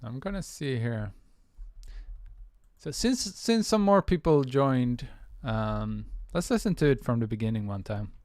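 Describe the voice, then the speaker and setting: Speaking in an animated, darkish mid-range voice at a measured pace, a Swedish-accented music producer hangs out casually with his stream viewers, stumbling through fillers and restarts. The sound is clean, studio quality, with no echo.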